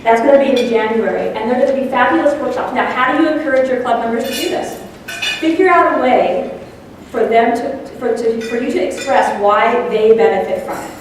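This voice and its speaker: In a big event room, a woman who serves as a district officer gives an upbeat speech to club presidents over breakfast, quizzing the crowd as she goes. Her voice is fairly high and a little fast. Slight background noise and hall echo make her sound distant.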